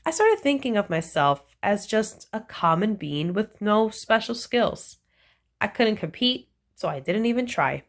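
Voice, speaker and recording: In a mid-range voice, a woman tells a children's picture book at a gentle, deliberate, unhurried pace. Her pitch swoops up and down, and she adds playful emphasis to the punchlines.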